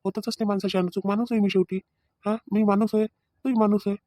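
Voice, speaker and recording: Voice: mid-range voice, level tone, quick pace, mellow, dry recording, natural voice. A performer voicing a remorseful young husband in a cartoon family drama who pleads and defends himself, speaking. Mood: pleading.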